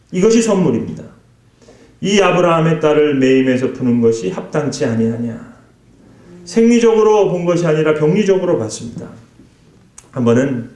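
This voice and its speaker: A man's voice: mid-range voice, a little mellow. A male pastor preaching a sermon with rhetorical questions and acted-out quotes. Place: church sanctuary. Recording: echoey church hall.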